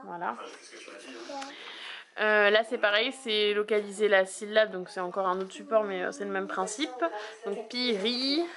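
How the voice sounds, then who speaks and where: A mother chatting casually as she calmly explains her child's schoolwork step by step. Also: medium pitch, moderate pace, a crowd in the background. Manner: explains step by step, calm and practical. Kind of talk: casual chat.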